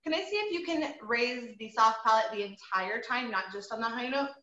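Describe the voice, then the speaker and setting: Woman voice coach, bright tone, kinda high, encouraging, roomy dull-ish audio. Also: fairly quick. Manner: encouraging, patient, frequent ums. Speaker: voice teacher. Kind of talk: group singing lesson with sung demonstrations.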